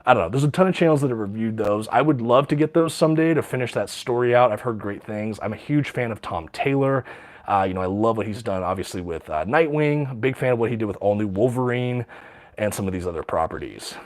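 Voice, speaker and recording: On a casual livestream, a man excitedly shows his comic collection and reads out questions from viewers, peppering his talk with ums and uhs. His lowish voice is animated and quick. He's chatty but slightly stuffy and a little out of breath.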